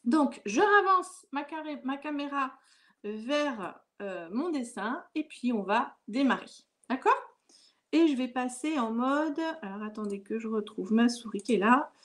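A woman with a high voice leads a live watercolor lesson from home. She chats casually with her viewers, reading their comments aloud and laughing often between steps. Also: animated, measured pace. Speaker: watercolor teacher hosting a live stream. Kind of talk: casual live-stream chat.

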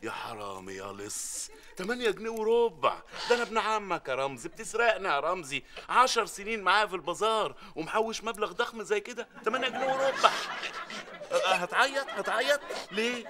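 A man's voice: mid-range voice, expressive, fast, a little hiss or hum. An actor playing a harried middle-aged father, sarcastic and exasperated, in a sitcom. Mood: outraged. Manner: exasperated, sarcastic, rises to shouting rants. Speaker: sitcom lead. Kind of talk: sitcom acting.

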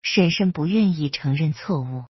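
A woman's voice: deep voice, animated, normal speed, breathy edge, no room sound, dull audio, full character voice. A woman voicing a small, cheeky and earnest boy cultivator in a storybook reading, who refers to himself in the third person.

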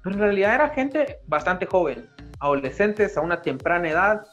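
A man's voice: high voice, expressive, a little fast, fairly bright tone, dull audio, soft background music. Joking slangy Central American man. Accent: Central American Spanish. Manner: joking, slangy, laughs often. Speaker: podcast co-host. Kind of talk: casual chat.

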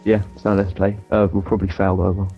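A man's voice: low voice, level tone, quick pace. A young man, teasing and boasting with a giggle while gaming. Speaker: let's play co-host. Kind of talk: casual gaming chat. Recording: dull lo-fi sound with faint music.

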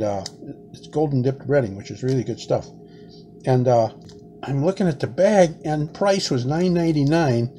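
Peeling shrimp at home, a man in his sixties gives a relaxed cooking demo, rambling and repeating "man" often. He has a mellow, medium-pitched voice, recorded by a camera sitting close on a table.

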